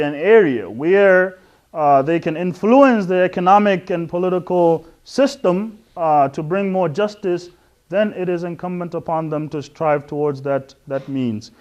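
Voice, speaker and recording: A man's voice: a little high, a little mellow. Earnest West African man explaining patiently. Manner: earnest and explanatory, with frequent "uh" and restarts. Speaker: Islamic lecturer. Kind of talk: introductory talk on religion.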